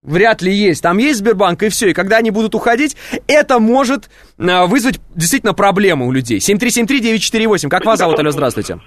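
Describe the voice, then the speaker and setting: A man's voice: high-pitched, expressive, quick pace, no room sound. A man hosting a live radio phone-in, presenting conversationally on a close studio microphone.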